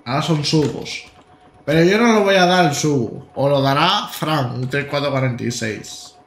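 A man's voice: a little high, animated, normal speed, echoey room. A man in his thirties from Spain, chatting casually and joking as he drives a train in a live-streamed simulator game. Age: 30s. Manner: joking and rambling, with stammered restarts and bursts of laughter. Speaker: gaming streamer.

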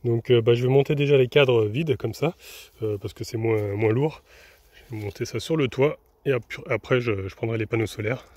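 A man's voice: medium pitch, moderate pace, darkish tone, dry recording. Chatty man narrating a DIY build. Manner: chatty, many fillers and restarts, talking while working. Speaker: vanlife vlogger. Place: workshop and camper van roof, outdoors.

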